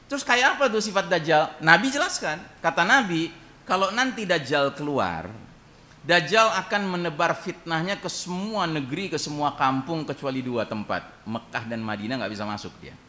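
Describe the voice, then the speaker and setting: A man preaching at a mosque, telling a story with animation and often turning to speak straight to the people listening. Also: on the high side. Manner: animated storytelling, acting out quoted voices; addresses listeners directly and often. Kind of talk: mosque sermon.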